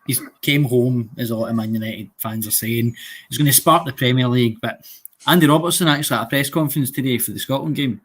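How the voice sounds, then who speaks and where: A man co-hosting a casual football chat, chatty and quick with banter, laughing easily. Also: mid-range voice, breathy edge.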